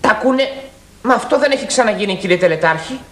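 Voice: mid-range voice, expressive, a crowd in the background, lightly acted. A performer playing a polite, bewildered male children's journalist in a 1980s children's TV show. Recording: roomy old TV recording with faint music.

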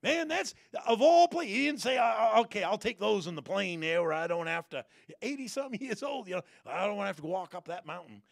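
A man preaching a folksy sermon, repeating phrases and sometimes bursting into loud shouted prayers. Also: high voice, expressive, a little fast, gravelly, dry recording, clean studio sound.

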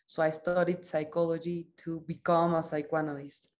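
A Mexican woman in her thirties, a psychoanalyst and author whose native language is Spanish, talks reflectively on a video call from a room at home. Her deep voice is a little mellow with little pitch movement and normal speed, and she often tags statements with a questioning "no?". She speaks with a Mexican accent through a video call microphone.

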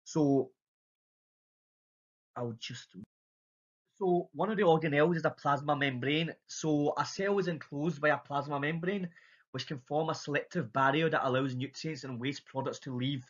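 A man with a strong Scottish accent giving an informal, somewhat halting biology lecture over slides. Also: fairly high pitch, husky, dull audio.

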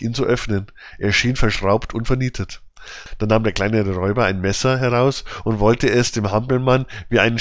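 Male audiobook narrator, measured and even, middle pitch, dry sound. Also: dry recording. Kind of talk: scripted storybook narration.

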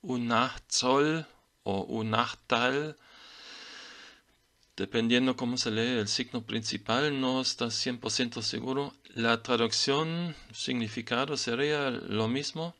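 A man whose first language is German, slowly explaining Maya glyphs in a lesson, pausing to read out each sign. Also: medium pitch, fairly even intonation, a bit bright. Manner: slow, deliberate reading of glyph names. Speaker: teacher of Maya writing.

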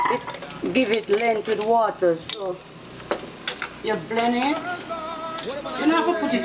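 A middle-aged woman with a Jamaican accent, chatting casually as she shows how she cooks at home. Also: sits high. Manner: chatty, explains as she works. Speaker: home cook. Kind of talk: casual cooking demonstration. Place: home kitchen, indoors. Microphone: far camera. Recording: echoey kitchen, distant mic, loud music.

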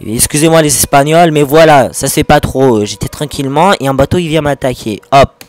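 A fairly high-voiced man with a French accent rattles through a casual gameplay tutorial. He talks fast, rambles and swears at every turn. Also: no room sound. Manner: crude, rambling, swears a lot, fast talking. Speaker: gaming video host.

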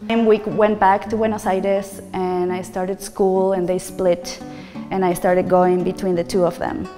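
A visual artist in her forties from Argentina, whose first language is Spanish, gives a gallery talk to camera inside a large, bright art gallery. She speaks earnestly and reflectively about her work, gesturing as she goes. Her fairly low voice holds a level tone at a measured pace, with a big-room sound over music.

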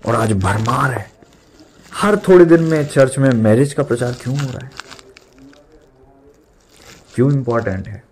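A man's voice: medium pitch, expressive, a little slow, pauses often, slight background noise. A young man in his twenties preaching an emphatic sermon as a pastor, mixing in English words and repeating lines for stress.

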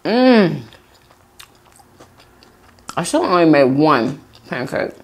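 Woman, mukbang host, giggly casual chat, very animated voice. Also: deep voice, drawn-out words. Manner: chatty, giggly, reads viewer comments aloud. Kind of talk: casual chat while eating on camera.

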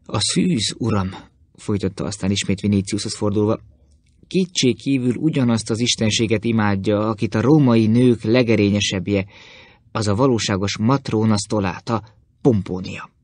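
A man's voice: lowish voice, a little mellow, no room sound, close to an everyday voice. A male audiobook reader voicing a sly, fawning Greek philosopher who peddles secrets, obsequious and boastful.

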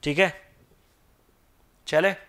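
A woman's voice: extremely slow, a bit bright. A woman teaching an exam-prep math lesson, talking through each step by asking and answering her own questions. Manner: talks through steps in mock dialogue, asking and answering; mixes English terms into explanation.

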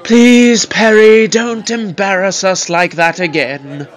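A man's voice: sits high, fairly even intonation, takes it slowly. A man voicing the Doctor as a fussy, theatrical time-traveller who scolds his companion. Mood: scolding.

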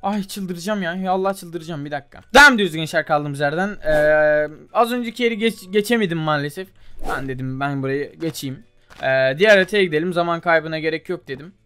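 Young male gaming host, slightly high voice, loose muttering commentary over soft game music. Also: lively intonation, fast talker, clean tone. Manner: chatty, mutters while trying, calls viewers "abi" and "gençler". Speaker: gaming YouTuber. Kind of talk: casual gameplay commentary.

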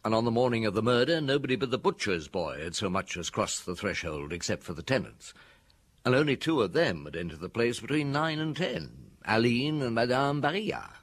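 Husky Inspector Maigret, shrewd. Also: male voice, medium pitch, animated, a little fast. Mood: reflective. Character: seasoned male police inspector, measured and shrewd. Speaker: actor in a radio detective drama. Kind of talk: radio drama acting, dialogue and recollection.

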